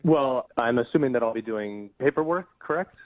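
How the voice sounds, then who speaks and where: A temp worker takes a phone call and chats casually, polite and hesitant, stammering at times. His mid-range voice is expressive and moderately paced, with no echo. The phone line sounds muffled and dry.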